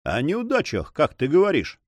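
A man's voice: a little high, wildly swooping pitch, normal speed, dry recording, voice pushed up. A man voicing a composed, resolute male buccaneer leader with a wry edge.

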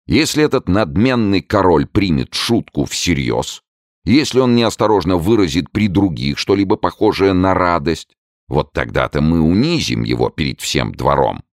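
A man's voice: sits low, lively intonation, normal speed, no echo, studio quality, pitched above the performer's own voice. A man reading the part of a cold, sarcastic young king in an audiobook. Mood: cold mocking.

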